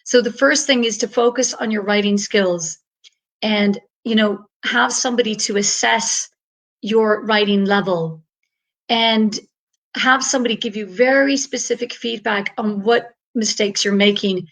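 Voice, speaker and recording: During an online panel talk, an English tutor from Ireland speaks over video call, cheerful and chatty with lots of fillers. Her voice is medium-pitched, a bit bright, and unhurried.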